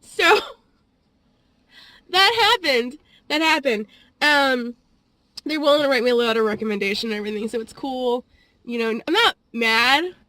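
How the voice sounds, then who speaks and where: A young woman talks to her camera in a loose, rambling vlog, her voice bright and sitting a little high. She laughs often between phrases. The sound is dry and close, with no room around her. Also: a little fast, no room sound. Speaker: vlogger. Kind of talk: casual storytelling vlog.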